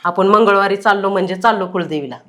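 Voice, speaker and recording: A woman's voice: medium pitch, fast talker, a bit bright, natural voice. An actress playing a domineering older mother-in-law who gives orders and will not be argued with. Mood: commanding. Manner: bossy, insistent.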